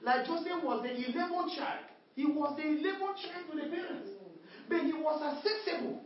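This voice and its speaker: This sermon comes from a woman with a high voice at a normal speed. She keeps repeating emphatic refrains and calling out to the congregation. There's a faint hiss or hum, and the distant mic in an echoey hall gives a dull sound.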